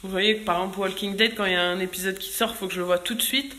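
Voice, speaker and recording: Racing through her words, a young French mother chats in a home vlog filmed on her phone in the kitchen, with plenty of fillers and restarts. Her voice is medium-pitched, pushed and bright with fairly even intonation, in a reverberant space.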